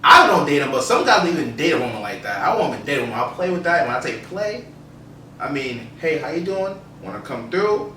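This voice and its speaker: A male podcast co-host with a bright, forward voice gives his opinions casually and emphatically. He sounds roomy and slightly off the mic, with faint background noise. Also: medium pitch, sing-song, quick pace, far from the mic.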